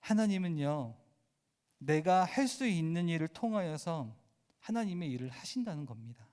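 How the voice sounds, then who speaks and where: Guy youth pastor giving a sermon, really animated, keeps asking the kids questions. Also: fairly high pitch, normal speed. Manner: emphatic, asks the listeners direct questions. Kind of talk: sermon to teenagers.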